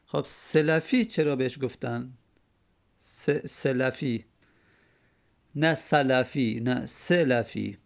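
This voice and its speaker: A man's voice: medium pitch, fairly even intonation, vocal fry, long pauses. A man giving a religious lecture, explaining a quoted Arabic verse word by word and repeating key terms. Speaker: religious teacher. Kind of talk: classroom lecture explaining a hadith text.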